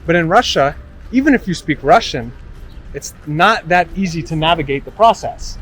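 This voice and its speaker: A man hosting a casual interview outdoors in a city park, chatty and quick to laugh. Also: a little high, expressive, fairly bright tone. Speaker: host, interviewer. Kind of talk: casual interview while walking.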